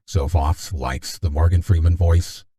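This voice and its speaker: Very deep, dark-voiced male streamer. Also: steady tone, a little slow. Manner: rambling, joking, many restarts. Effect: deepened voice changer. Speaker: stream host. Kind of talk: casual stream chat.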